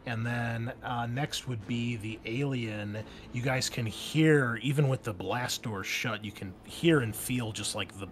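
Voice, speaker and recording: A man with a lowish voice, heard over background noise, serves as game master for a tabletop RPG. He improvises narration and explains the rules in a conversational, wry way.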